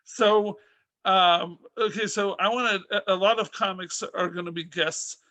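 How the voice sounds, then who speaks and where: A man's voice: high-pitched, steady tone, unhurried, bright, forceful tone, no echo. A man hosting a comedy podcast, telling a rambling story and asking questions, full of fillers and laughs. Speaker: podcast host and comic. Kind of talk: casual interview chat.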